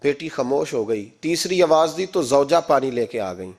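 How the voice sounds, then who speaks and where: A man's voice: lively intonation, darkish tone. A man preaching a sermon, passionate, asking the listeners rhetorical questions and rising sharply in force. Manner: impassioned, rhetorical questions, sudden rises in pitch and force.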